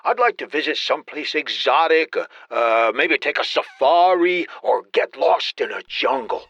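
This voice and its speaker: A man's voice: fairly high pitch, moderate pace, muffled recording. A man playing an eager, stammering caller who wants adventure. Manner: hesitant, excitable, stammering. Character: eager adult male listener craving adventure.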